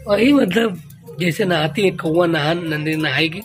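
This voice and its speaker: A man with a high-pitched voice speaks at a normal speed in a casual home vlog filmed on a handheld phone. As a family vlogger, he stays chatty and keeps addressing his viewers as friends.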